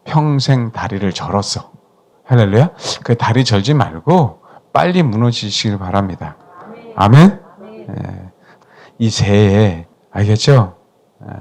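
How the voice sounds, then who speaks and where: A man's voice: lowish voice, gravelly, a little mellow. A middle-aged male pastor preaching a sermon, pressing the congregation with emphatic questions and calls for amens.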